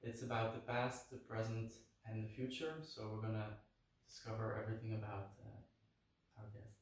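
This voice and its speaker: A channel host with a lowish voice and little pitch movement introduces a guest and asks questions at normal speed in a casual interview, sounding upbeat yet slightly hesitant. He's far from the mic in an echoey room.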